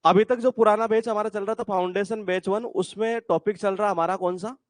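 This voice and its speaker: High-voiced man running a live class. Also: fairly even intonation, fairly quick, dry recording. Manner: casual, chatty, checks with the class and the online viewers. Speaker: English teacher. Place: classroom campus with students. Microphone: classroom mic and speaker, streamed online.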